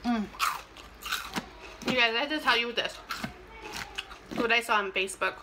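Eating in front of a camera in a small, plain room, this young woman keeps up a lively, casual chatter, occasionally speaking between bites for her mukbang vlog. She talks at a normal speed in a voice on the high side, with clicks and clear background noise in the audio.

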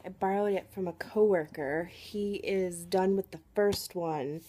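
Softly chatty young woman vlogging. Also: on the low side, a little slow. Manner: chatty, relaxed, speaks softly to camera. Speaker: family vlogger. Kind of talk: casual home vlog. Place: living room at home, indoors. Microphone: phone at arm's length.

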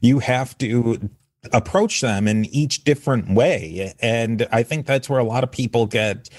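Speaking a little slowly in a darkish, medium-pitched voice, a man hosts a history podcast, thanking supporters and then having an earnest, casual chat with a guest. He uses fillers and often restarts his sentences. The studio recording is clean and dry.

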